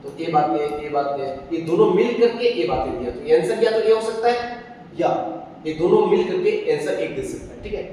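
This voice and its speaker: A man's voice: a little high, lively intonation, fairly quick, mellow. A man teaching a maths lesson, explaining step by step and answering his own questions. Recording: echoey room, far from the mic, faint noise.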